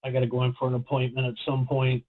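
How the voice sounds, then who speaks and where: A man co-hosting a podcast in casual chat, rambling and halting with fillers and restarts. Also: mid-range voice, completely flat delivery. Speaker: podcast co-host. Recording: phone-like narrow sound.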